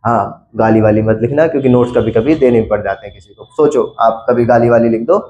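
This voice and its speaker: A man's voice: medium pitch, fairly quick, a little mellow, dull audio. Blunt teacher man in an echoey room. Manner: blunt, scolding, addresses students casually. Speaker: chemistry teacher. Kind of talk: classroom lecture.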